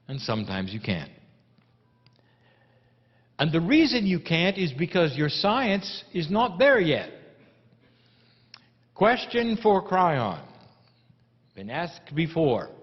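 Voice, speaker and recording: A man giving a channeled spiritual address in solemn, deliberate phrases with pauses. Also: high voice. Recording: dull recording in reverberant hall.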